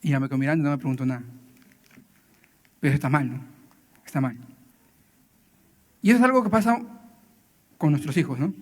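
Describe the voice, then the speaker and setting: At church, a man with a high-pitched voice delivers a sermon to families in a chatty, direct style, sprinkling in quick tag questions. He acts out little scenes between parents and children, and a long reverb trails his words through the hall.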